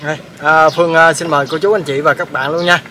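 Southern vietnamese guy chatting away on his food vlog, kinda high voice, lots of uh's, faint noise outside. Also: steady tone, fast, pushed and bright. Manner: chatty, lots of hesitation fillers, laughs easily. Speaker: channel host. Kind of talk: casual outdoor cooking vlog chat.

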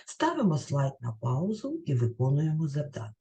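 A woman teacher giving a recorded lesson over slides, explaining in a clear, carefully enunciated way and reading lists out word by word. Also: deep voice, huge pitch swings, moderate pace, warm tone.

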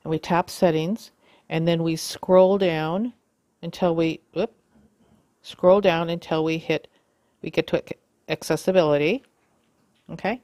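Woman, casual how-to host, halting delivery, frequent fillers, dry sound. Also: low voice, steady tone, darkish tone, no room sound. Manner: halting, with many fillers and self-corrections. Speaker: video tutorial host.

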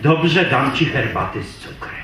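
A man's voice: mid-range voice, lively intonation, unhurried, a bit bright. A man playing a weary husband who patiently coaxes and soothes a demanding wife in a live stage sketch. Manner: patient, coaxing, often strained and raised. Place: stage in a hall before an audience. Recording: echoey hall, mic far off, audience laughter.

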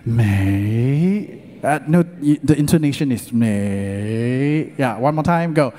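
At a church lecture concert in a large worship hall, a middle-aged man speaks in a fairly high, fairly quick, darkish voice. He leads call-and-response and lengthens key words with earnest emphasis, all under long hall reverb.

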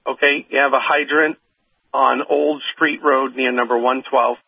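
A man's voice: mid-range voice, steady tone, vocal fry, background noise. Male fire dispatcher over a tinny radio channel. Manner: rapid, clipped, repeating addresses and unit numbers. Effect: heard over a fire radio channel. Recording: tinny, narrow radio transmission.

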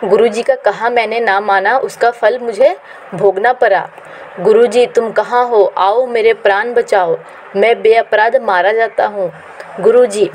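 A woman's voice: on the high side, fairly even intonation, unhurried, a little mellow, a little hiss or hum, natural voice, poor audio. Storybook reading: a woman voicing a scared plump young disciple, pleading and wailing.

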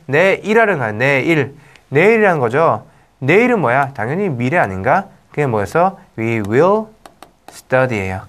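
A man teaching English grammar in an online lecture, quizzing students with quick questions and reading English example sentences slowly. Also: medium pitch. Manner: lively, asks questions and answers them himself; casual, teasing with the students.

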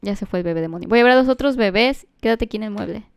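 A woman doing let's-play commentary, excitable, shrieking and gasping as she talks straight to her viewers. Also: medium pitch, racing. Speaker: gaming streamer.

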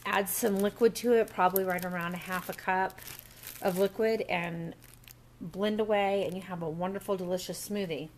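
Her mid-range voice stays fairly even in intonation and moderate in pace as this cooking vlogger chats through a recipe one step at a time. The casual demo happens at a home counter, recorded on the camera mic with slight hiss or hum.

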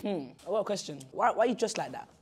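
A London man with a high voice, working as a game show panellist. His talk is casual, teasing and full of questions, over clearly audible music. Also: expressive, fast.

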